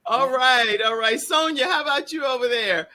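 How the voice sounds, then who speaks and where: A woman's voice: sits high, moderate pace, bright, forceful tone. A woman hosting a talk show interview over a video call, bubbly and casual, laughing often and calling her guests "y'all.". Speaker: host. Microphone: video call mic.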